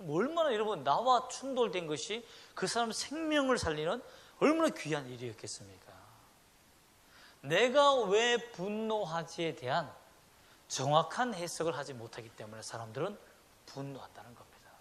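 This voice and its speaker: Animated high-voiced preacher man. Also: moderate pace. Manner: animated preaching with sudden loud and soft swings, acting out quoted voices. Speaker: pastor. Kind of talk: Sunday sermon.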